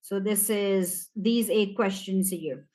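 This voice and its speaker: A woman teacher with a Caribbean accent, walking students through an exam paper in a relaxed, chatty way and speaking to them directly. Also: medium pitch, takes it slowly. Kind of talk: exam practice walkthrough.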